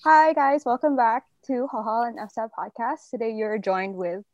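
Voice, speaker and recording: A young woman hosts a casual podcast over a video call, upbeat and chatty. Her voice sits a little high. The sound is dry and close. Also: fairly even intonation, normal speed, no echo, muffled recording, soft background music. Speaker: podcast host.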